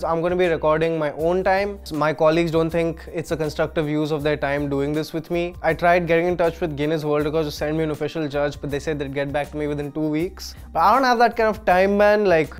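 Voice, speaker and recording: A man in his twenties with an Indian English accent, hosting a jokey, excitable comedy vlog. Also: a little high. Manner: excitable, jokey, breaks into yelps. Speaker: host.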